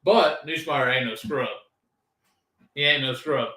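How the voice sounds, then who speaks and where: Blunt co-host, off-mic and echoey. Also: male voice, medium pitch, unhurried, pushed and bright, recorded from a distance. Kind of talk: casual sports chat.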